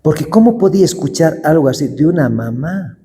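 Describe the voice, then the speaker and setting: A male pastor preaching a sermon, reading scripture slowly and deliberately. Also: on the high side, animated, warm tone, a little hiss or hum. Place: church hall. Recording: long hall reverb.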